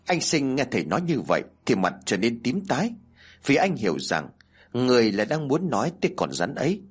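A man reading a horror story aloud in a measured, dramatic manner. His voice is husky, and his pitch moves widely as he tells it. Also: big pitch swings. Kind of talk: scripted horror story narration.

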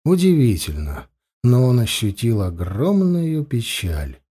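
A man reading a fantasy novel aloud as an audiobook narrator, calm and measured. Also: mid-range voice, breathy edge. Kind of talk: scripted narration.

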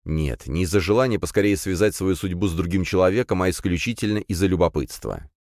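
A man narrating an audiobook in a measured, expressive way. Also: sits low, dry recording, clean studio sound. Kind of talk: scripted narration.

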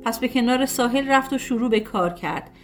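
A woman with a fairly high voice reads a folk tale aloud in an unhurried storybook cadence. She gives the characters' dialogue a voice of its own. Soft plucked guitar music plays faintly behind her. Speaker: audiobook narrator.

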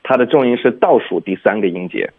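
A low-voiced man with a husky edge explains pronunciation rules patiently, one step at a time, checking in often with "OK?". He comes through a thin, tinny phone line. He sounds like a teacher calling into a radio lesson. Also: lively intonation, fairly quick.

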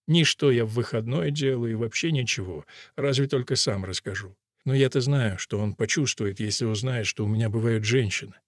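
A man's voice: mid-range voice, brisk, hardly any pauses, dry recording, studio quality, lightly acted. A man reading a plaintive, complaining chauffeur. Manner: complaining, moaning, hushed. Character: troubled male chauffeur confiding in a woman, plaintive. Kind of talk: audiobook reading.

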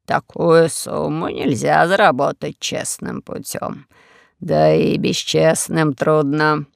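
A man's voice: on the high side, steady tone, takes it slowly, creaky, dry recording, clean studio sound, heavily acted. A man voicing a sly, pompous old male castle lord in an audiobook, drawling each word with mock courtesy. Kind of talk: audiobook character voice.

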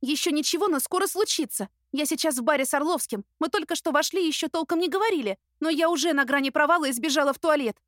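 Brief: woman voicing flustered young heroine, pitched up high, sharp-tongued, close dry read. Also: no echo. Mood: anxious. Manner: agitated, breathless, rapid complaints.

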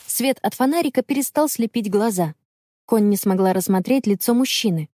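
A woman telling a children's story in measured, expressive audiobook narration. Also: mid-range voice.

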